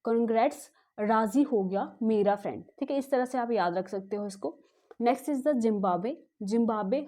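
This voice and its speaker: A woman coaching teacher walks students through exam memory tricks in a chatty way, tacking a checking "okay?" onto almost every sentence and mixing in English words. Her voice sits a little high with a soft, mellow tone. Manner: mixes English words into Hindi.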